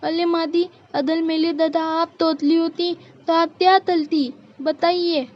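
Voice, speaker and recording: A woman doing a young cartoon daughter-in-law with a heavy, childlike lisp. Her voice is high and her speech slow, and she sounds timid even when she answers back. The sound is dull and lo-fi. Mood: pleading. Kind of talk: cartoon voice acting. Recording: dull lo-fi recording.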